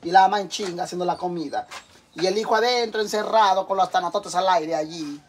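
A man's voice: high-pitched, brisk, slight background noise. A middle-aged man with a Mexican accent ranting casually to his viewers in an exasperated, profane way. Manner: exasperated, swears a lot. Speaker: vlogger. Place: home kitchen.

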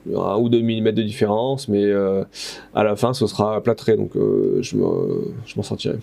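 A plasterer in his thirties narrates his stone-wall renovation casually, full of fillers and self-corrections, speaking a little fast in a fairly low, gravelly, warm voice with fairly even intonation. He's recorded on a head-mounted action camera in a stone room.

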